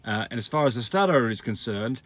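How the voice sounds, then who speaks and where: A man's voice: medium pitch, animated, quick pace. A man who breeds dogs, answering viewer questions in a casual, frank way, explaining at length with restarts and fillers. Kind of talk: casual advice Q&A.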